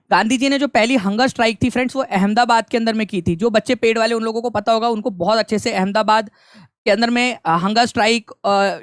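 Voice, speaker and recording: A man's voice: sits high, dry recording, studio quality. A young man teaching an online exam-prep lecture in a conversational way, repeating key points and mixing in English phrases.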